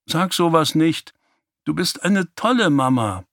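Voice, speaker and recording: A man's voice: on the high side, animated, a little slow, a bit bright, no room sound, voice pushed up. A cheeky, mischievous young boy who talks back eagerly, voiced by a male narrator. The voice is lifted above the narrator's own and recorded dry and close.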